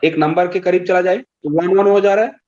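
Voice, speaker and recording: A man teaching an online maths class, slowly quizzing his students with patient questions. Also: sits high, a little mellow, highs cut off.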